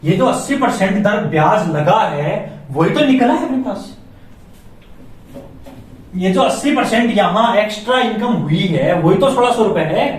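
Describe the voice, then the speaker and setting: A man's voice: high-pitched, expressive, a little slow. A man teaching a maths lesson, putting questions to the class and then answering them himself. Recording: echoey room, voice from far off.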